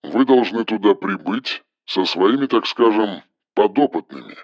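A man reading an audiobook, voicing a cold, commanding engineer who gives flat, toneless orders over the phone in a metallic voice. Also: fairly low pitch, measured pace, no room sound, dull audio, pitched below the performer's own voice. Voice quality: metallic timbre.

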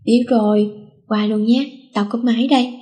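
A woman's voice: on the high side, steady tone, moderate pace, dark tone, natural voice. A woman doing a bossy teen best friend. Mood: brisk. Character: bossy, lively teenage best friend girl.

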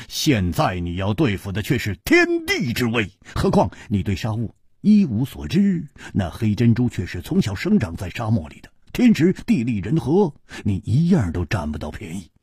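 A male storyteller voicing a boisterous, hot-tempered swordsman who talks loudly and scolds his friend. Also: fairly low pitch, slightly rough, dry recording, studio quality, full character voice. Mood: warning. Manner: loud, blustering, scolding.

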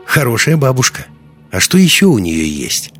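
A sharp, teasing teenage girl presses on with question after question, as a man puts her on while reading an audiobook. The voice sits noticeably higher than a man's usual talk. Faint music plays underneath. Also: huge pitch swings, moderate pace.

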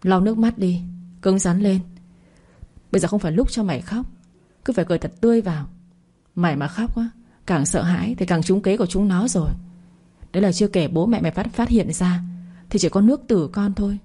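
A woman doing a sharp-tongued young village woman. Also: medium pitch, slightly rough, natural voice. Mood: scolding. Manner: fast, sharp and scolding.

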